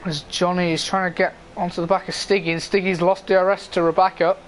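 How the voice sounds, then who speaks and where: A man's voice: high-pitched, little pitch movement, fast talker, slight background noise, low-quality recording. A man giving informal live motorsport commentary on an online racing game.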